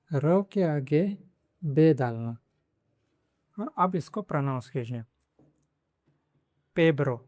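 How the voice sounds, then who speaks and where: A man's voice: fairly high pitch, a little mellow, no echo. A man teaching a pronunciation lesson in Hindi, repeating each example word several times. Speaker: Spanish teacher.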